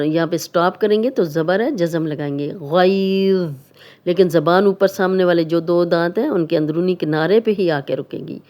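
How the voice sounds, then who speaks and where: A woman with a Pakistani Urdu accent teaching Quran recitation, explaining each rule patiently step by step and drawing out recited words slowly. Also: lowish voice, darkish tone. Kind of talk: Urdu tajweed lesson, explaining and demonstrating recitation.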